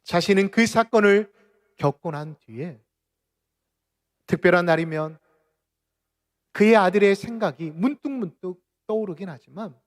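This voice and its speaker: Korean pastor guy giving a sermon, kinda high voice, gets loud then drops to a whisper. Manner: dramatic preaching, rising to loud outcries and dropping to near-whispers. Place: church sanctuary.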